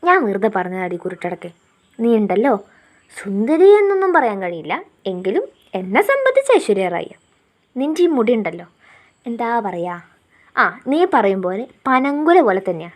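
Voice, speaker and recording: A woman voicing a gruff, teasing young man. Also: medium pitch, very animated, moderate pace, long pauses, lightly acted. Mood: teasing tender. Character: young man, gruff but tender lover. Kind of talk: storybook narration.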